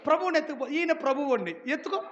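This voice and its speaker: Telugu-accented male preacher, very high voice, rousing and theatrical, lo-fi recording. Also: fast, a little hiss or hum. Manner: animated preaching, acts out voices, calls to the congregation. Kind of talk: Telugu sermon. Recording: dull lo-fi sound.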